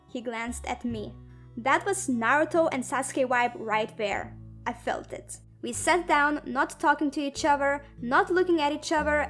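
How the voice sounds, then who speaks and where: A young woman with a high voice, Lithuanian by birth and first language, tells a humorous animated story as its animator and narrator. She mocks herself, plays things up dramatically and leans on sarcasm, while soft music runs underneath.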